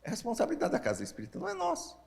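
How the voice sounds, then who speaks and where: Animated Brazilian man in his sixties, slightly slurred. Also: extremely high pitch, racing, gravelly. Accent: Brazilian Portuguese. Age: 60s. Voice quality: tongue-tie speech impediment, slightly slurred articulation. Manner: animated, checks in with listeners using short tag questions. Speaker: speaker leading a Spiritist family-ministry session. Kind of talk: informal lecture with rhetorical questions.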